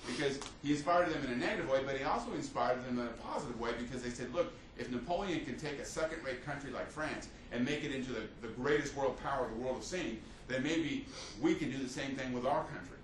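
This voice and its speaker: A male history teacher delivers an unscripted lecture told like a story, packed with fillers and restarts. He talks fast in a mid-range voice with few pauses. The mic is distant in an echoey room, with a little hiss or hum.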